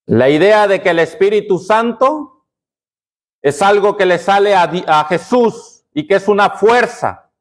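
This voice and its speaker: A man's voice: high-pitched, expressive, a little slow. A man pastor preaching a sermon, constantly asking the congregation questions and answering them himself. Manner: call-and-response questioning of the congregation.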